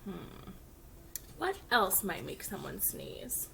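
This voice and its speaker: A woman hosting a children's storytime, reading aloud and asking gentle questions. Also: medium pitch, sing-song, slow pace, vocal fry, slight background noise. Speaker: storytime reader.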